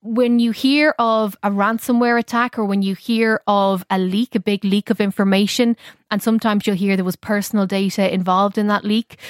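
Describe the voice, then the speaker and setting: A woman with an Irish accent and a mid-range voice speaks as a technology correspondent, explaining things in an informal, conversational radio style. The recording is dry, with clean studio sound.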